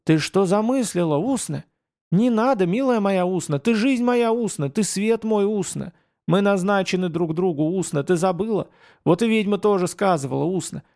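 A devoted young tracker who speaks plainly and in an old-fashioned way, often ending with a soft "da", as a male narrator puts him on. His voice sits raised and gravelly. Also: high voice, lively intonation, normal speed, voice pushed up. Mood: pleading. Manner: old-fashioned speech, repeats "da".

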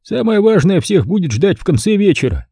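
A smug, boastful club owner full of glee, as an audiobook reader puts him on. He talks in a high, lively voice with a husky edge. The recording is dry and close. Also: fairly quick, no echo, exaggerated voice. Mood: gleeful. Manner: gleeful, condescending, boastful. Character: playful, smug middle-aged male club owner. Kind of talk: audiobook character voice.

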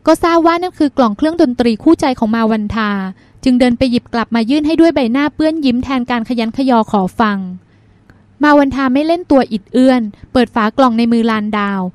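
A woman narrating a novel in a steady, descriptive reading. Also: sits high, fast, no echo. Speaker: audiobook narrator.

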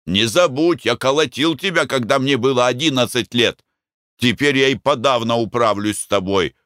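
A man's voice: mid-range voice, moderate pace, fairly bright tone, dry recording, studio quality, pitched above the performer's own voice, close to an everyday voice. A man voicing a proud, hot-headed young man who speaks in a heated, declamatory way.

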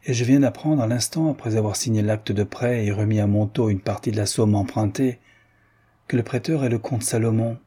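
A man's voice: fairly low pitch, a little fast, warm tone, slightly rough. A man reading a proud, cool young countess. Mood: earnest. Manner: reserved, clipped replies. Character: young aristocratic Parisian wife, proud and cool.

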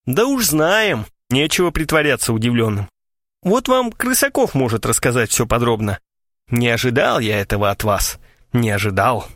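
A man's voice: medium pitch, lively intonation, moderate pace, a bit bright, dry recording, clean studio sound. A man voicing a lazy male poet who talks in a drawling, pompous, mock-solemn way.

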